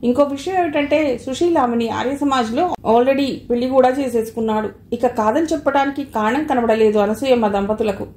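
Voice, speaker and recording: A woman narrating an audio novel in a calm, even storytelling manner. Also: sits high, fairly quick, few pauses. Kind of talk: scripted narration. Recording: echoey room, faint hiss.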